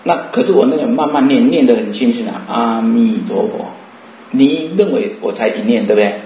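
A man giving a Buddhist dharma talk, asking rhetorical questions and slowly chanting to demonstrate. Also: mid-range voice, warm tone, a little hiss or hum. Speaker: Buddhist teacher. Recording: roomy, muffled recording.

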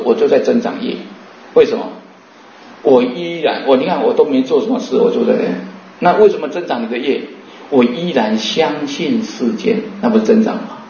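A man giving a Buddhist dharma talk, asking rhetorical questions and slowly chanting to demonstrate. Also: a little high, darkish tone, a little hiss or hum. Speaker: Buddhist teacher. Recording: roomy, muffled recording.

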